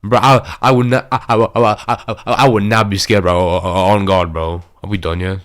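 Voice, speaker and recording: A young man reacting to clips for his YouTube channel in casual, excitable commentary, swearing freely and calling everyone "bro". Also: on the low side, fairly quick.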